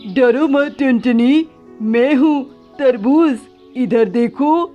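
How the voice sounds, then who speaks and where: A woman voicing a kind male magic watermelon who speaks in a gentle, reassuring way. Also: sits high, slow pace, narrow, tinny audio, faint music behind.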